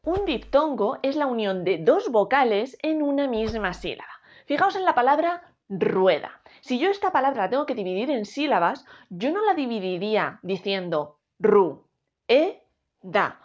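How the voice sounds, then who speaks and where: A woman with a Spanish accent from Spain, teaching a grammar lesson and sounding out words slowly, syllable by syllable. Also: a little high, sing-song. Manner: slow, careful syllable-by-syllable demonstration. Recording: dull lo-fi recording.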